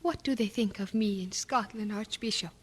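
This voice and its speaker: An actress playing a young, anxious yet proud queen, with measured, dramatic delivery in old radio drama style. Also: mid-range voice, husky, close to an everyday voice.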